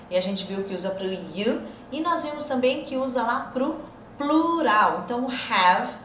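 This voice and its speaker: A Brazilian woman with a fairly high voice gives an English lesson online. She talks in a lively, encouraging way and drags out each English example sentence slowly. Her voice echoes a little in the room, with faint hiss behind it. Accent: Brazilian Portuguese. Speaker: English teacher.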